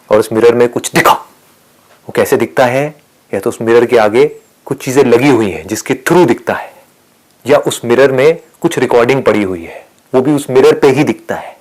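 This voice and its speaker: A man giving a calm spiritual discourse, speaking softly and often sinking to a whisper, asking and answering his own questions. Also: fairly low pitch, poor audio. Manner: calm, soft-spoken, often dropping to a whisper. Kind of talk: spiritual discourse mixing Hindi and English.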